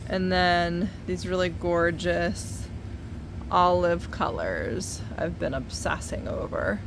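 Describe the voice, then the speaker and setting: Woman art tutor, 30s, chatty and informal, slow-paced, picked up far from the mic with clear background noise. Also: on the low side. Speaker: painter giving an art tutorial. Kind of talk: casual hands-on tutorial talk. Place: basement studio, indoors. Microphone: no external microphone, camera at a distance. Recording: far from mic, noisy basement room.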